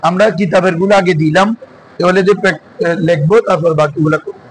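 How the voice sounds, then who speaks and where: On a poor recording with some hiss or hum, a madrasa teacher with a high-pitched, fairly even voice and a Bangladeshi Bengali accent talks fast. He teaches Arabic grammar in Bengali, drilling students with constant repeated questions.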